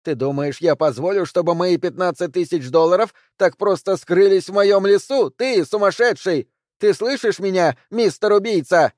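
A man voicing an enraged red-haired woman with a shotgun, yelling furious threats in an audiobook. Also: fairly high pitch, unhurried, dry recording, clean studio sound, voice pushed up, lightly acted.

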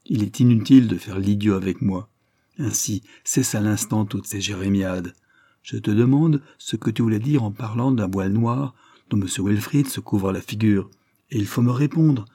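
A man reading a stern gentleman in an audiobook, pressing and threatening a boy for answers. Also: on the low side, husky, no room sound, studio quality. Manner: pressing, threatening then coaxing.

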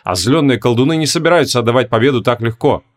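A man narrating a fantasy battle audiobook in a steady, measured reading. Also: medium pitch.

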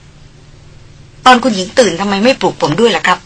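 A woman doing a soft-spoken polite jungle hunter. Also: mid-range voice, lively intonation, normal speed, breathy edge. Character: male jungle hunter, easygoing, teasing and polite.

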